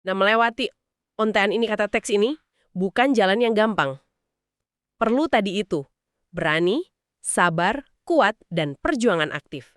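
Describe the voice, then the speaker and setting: A woman's voice: medium pitch, expressive, normal speed, pauses often, dry recording, studio quality. A woman co-hosting a podcast who sums up points and asks friendly follow-up questions. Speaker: podcast co-host. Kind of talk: casual explanatory discussion.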